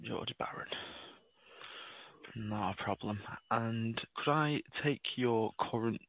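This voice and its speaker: A man's voice: fairly low pitch, slow, dry recording. A man working as a call handler, speaking politely and reassuringly in a customer service phone call. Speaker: call handler taking client details. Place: telephone call. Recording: tinny, narrow phone line.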